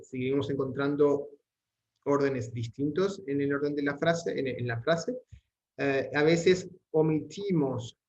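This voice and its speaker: A male teacher talks through a Latin lesson at an average pitch. He explains grammar patiently and reads example sentences aloud at an unhurried pace. The recording sounds a little dull and lo-fi. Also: darkish tone. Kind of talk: online language lesson.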